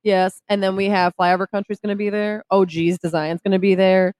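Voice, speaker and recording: This woman co-hosts a live podcast from a restaurant taproom, bubbly and giggly as she runs through local events in an upbeat chat. Her voice is medium-pitched, level, fairly quick and a little mellow, on a dry, low-quality recording.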